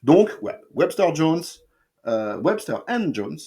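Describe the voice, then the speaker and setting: A man's voice: a little high, very animated, slow, mellow. A man chatting casually about comics he bought, rambling with lots of fillers, restarts and crude slang. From France. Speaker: comic book reviewer. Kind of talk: casual review chat.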